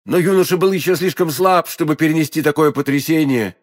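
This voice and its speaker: A man's voice: a little high, a little fast. Theatrical male audiobook narrator. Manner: expressive, theatrical. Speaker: audiobook reader. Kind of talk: scripted narration of a novel.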